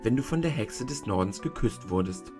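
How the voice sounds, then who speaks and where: A man reading a storybook aloud and voicing a tiny, kindly old woman who is the good witch, softly and higher than his own voice. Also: expressive, normal speed, soft background music, close to an everyday voice. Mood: gentle. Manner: soft, gentle storyteller voice raised higher.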